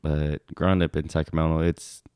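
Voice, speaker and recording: A young man from California, a podcast guest chatting casually in a relaxed, rambling way with many fillers. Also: rumbling low, a little fast, clear, resonant tone, dry recording, clean studio sound. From California, USA. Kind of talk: casual chat.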